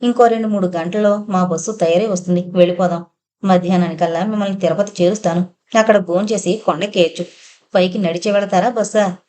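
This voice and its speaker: A woman's voice: on the low side, steady tone, fast talker, dark tone, close to an everyday voice. A woman voicing a talkative, scheming middle-aged male lorry driver in an audio novel, familiar and polite, calling the passenger sir. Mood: chatty.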